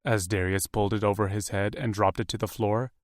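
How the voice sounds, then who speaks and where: A man reading a romance novel aloud in calm, even storytelling narration. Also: fairly low pitch, brisk, no echo, clean studio sound. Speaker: audiobook narrator.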